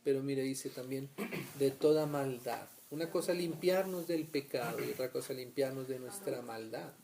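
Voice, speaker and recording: A man's voice: mid-range voice, normal speed, creaky, crowd noise. A man from Colombia leading a conversational Bible study, often checking in with his listeners and acting out small everyday scenes. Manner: asks "¿cierto?" often, acts out little scenes. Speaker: Bible teacher.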